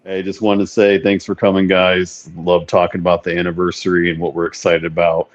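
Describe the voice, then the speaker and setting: A man co-hosting a casual gaming livestream over a buzzy, glitchy online call, talking at an unhurried pace with frequent ums. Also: sits low, monotone. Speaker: livestream co-host.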